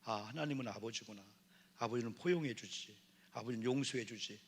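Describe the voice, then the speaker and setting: A man's voice: medium pitch, a little fast, breathy edge. A middle-aged man preaching a sermon as pastor, talking in a conversational way, acting out quoted voices and often addressing the congregation. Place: church sanctuary. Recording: long church reverb.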